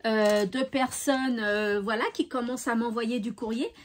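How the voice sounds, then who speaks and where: A high-pitched woman with a regional French accent talks casually to her viewers as a craft vlogger. She is cheerful and enthusiastic, peppering her speech with fillers and repeated "voilà". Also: steady tone, unhurried. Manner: chatty, many fillers and "voilà".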